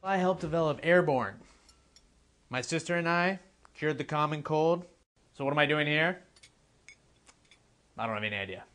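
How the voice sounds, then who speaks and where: A man playing a baffled, blunt scientist in a mock documentary interview, matter-of-fact and deadpan. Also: a little high, moderate pace, long pauses.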